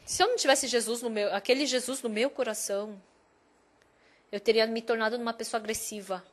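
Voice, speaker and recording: A woman delivers a sermon by retelling a personal story, her voice sitting high for a woman. She moves between hushed reflection and emphatic stretches, keeping the telling lively. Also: brisk. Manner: animated storytelling, loudness swinging from hushed to emphatic.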